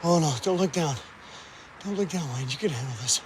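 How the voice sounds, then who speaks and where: Man acting hapless sitcom dad, rather high-voiced. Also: fairly quick, background noise, natural voice. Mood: nervous, straining. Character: hapless, determined, whiny middle-aged dad in a family sitcom.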